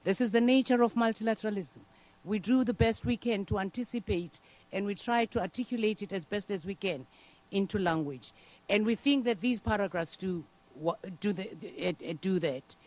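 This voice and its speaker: A South African man who speaks Xhosa as his first language delivers a formal conference statement as a diplomatic delegate. His voice is high, and his manner is measured and deliberate with occasional fillers.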